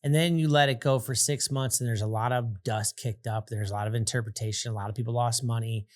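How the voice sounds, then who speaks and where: A man's voice: medium pitch, steady tone, fast. Laid-back man hosting a podcast. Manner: easygoing, laughs often, loose phrasing. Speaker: podcast host, loan officer. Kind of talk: casual interview chat.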